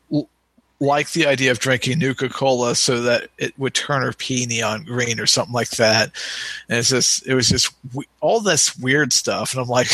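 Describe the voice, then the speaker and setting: Bright-voiced man on a dry podcast mic. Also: medium pitch, no echo, poor audio. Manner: halting, stumbling with restarts. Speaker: podcast co-host. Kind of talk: casual podcast chat.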